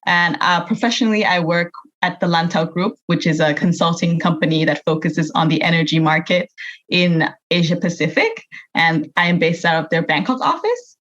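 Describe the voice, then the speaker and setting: A woman's voice: on the low side, lively intonation, normal speed, fairly bright tone. A young adult woman from Thailand, answering conversationally as a podcast guest. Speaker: podcast guest, youth energy advocate. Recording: dull lo-fi remote recording.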